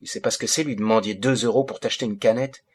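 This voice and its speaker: Reading a first-person audiobook monologue, a man becomes an angry fifteen-year-old boy from the projects, throwing out bitter slang in agitated bursts. His voice is on the low side and slightly rough, and he talks fast with fairly even intonation.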